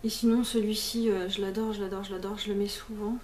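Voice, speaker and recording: A woman's voice: medium pitch, flat delivery, fast talker, darkish tone. Woman chatting to her camera about polish and books, lots of euh and restarts, faint hiss behind. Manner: chatty, many fillers and restarts, mixes in English words. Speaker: beauty vlogger. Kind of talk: casual chat to camera.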